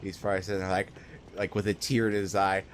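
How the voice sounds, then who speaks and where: A man's voice: low-pitched, monotone, fast talker. Rambling, joking man with game noise behind. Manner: rambling, joking, swears freely. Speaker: let's play host. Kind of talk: casual gameplay commentary.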